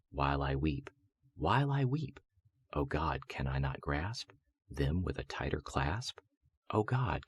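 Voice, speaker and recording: A voice-over artist with an extremely low, husky, very deep voice gives a dramatic recitation of gothic poetry meant for sleep and relaxation. His delivery is solemn and measured, with theatrical phrasing, and the sound is close and dry with no echo.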